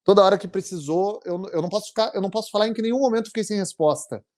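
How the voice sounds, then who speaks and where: A man in his forties with a Brazilian Portuguese accent, telling his story as an interview guest in a halting, earnest way with many restarts. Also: sits high, a little mellow. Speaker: interviewee, immigration client. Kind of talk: emotional conversational storytelling.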